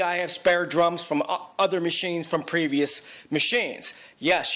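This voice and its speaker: This informal instructional narration over pictures comes from a video equipment repair technician. His voice sits high and a bit bright, and he talks plainly and emphatically, going over his points again and again.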